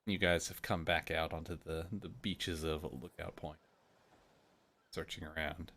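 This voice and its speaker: A man's voice: a bass voice, steady tone, measured pace, sharp tone. A man improvising narration as game master of a tabletop game.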